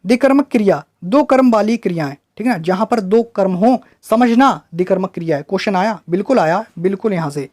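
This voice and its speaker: Teacher asking quick rhetorical questions. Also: medium pitch, lively intonation, a little mellow. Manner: quizzes listeners with rhetorical questions and answers them; keeps checking understanding with "right?" tags. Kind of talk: online exam-prep grammar lesson.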